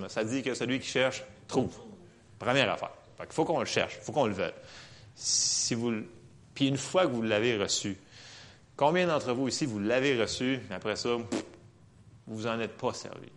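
A man with a Quebec French accent preaching in church, telling a personal testimony in an animated, laughing storytelling manner. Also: medium pitch, moderate pace.

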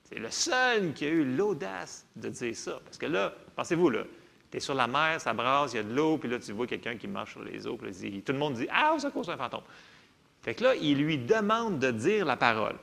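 A man preaching a sermon with a Québécois accent, talking to the congregation in a lively, conversational way and often checking in with "ok?". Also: mid-range voice, fairly quick, vocal fry. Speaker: pastor.

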